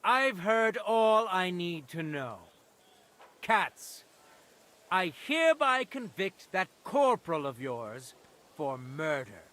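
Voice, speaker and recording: Game role: a pompous noble judge, lively high-set voice, slow deliberate delivery. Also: male voice, heavily acted. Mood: imperious. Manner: pompous, imperious, contemptuous. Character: haughty noble judge, lord presiding over trial.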